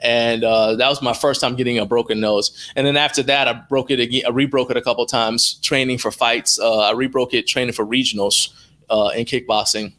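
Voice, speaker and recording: This middle-aged American live stream producer is an interview guest on a video call, telling casual, colloquial stories through a headset at home indoors. His medium-pitched voice is steady, fairly bright and a little fast.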